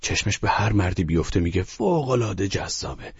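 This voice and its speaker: A man's voice: low voice, sing-song, husky, muffled recording, voice pushed up, heavily acted. A man voicing a bitter, exasperated husband. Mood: bitter ranting. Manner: bitter, exasperated, rising outbursts. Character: agitated middle-aged man ranting about his wife.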